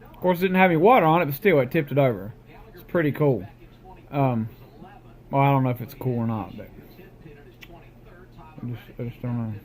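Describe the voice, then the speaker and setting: A man's voice: medium pitch, brisk, long pauses. A middle-aged man, chatting casually and rambling to camera in a folksy, talkative way. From West Virginia. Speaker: vlogger.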